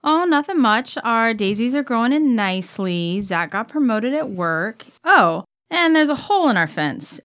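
A woman's voice: a little high, sing-song, normal speed, few pauses, fairly bright tone. A woman playing an aggrieved neighbor in an audio drama, mock-casual and pointedly sarcastic.

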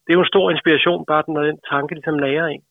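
A man, an author, answers casually and hesitantly with many fillers, in a fairly high, gravelly voice. The sound comes dry and tinny, as over a phone line. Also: little pitch movement, no room sound.

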